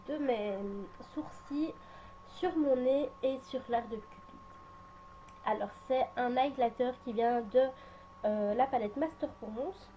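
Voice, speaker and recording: A woman talks through a casual at-home makeup tutorial. Her voice sits a little high with a soft, mellow tone. She hesitates often, trailing off and restarting her sentences. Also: a little hiss or hum. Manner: hesitant, many filler sounds and restarts. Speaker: beauty vlogger.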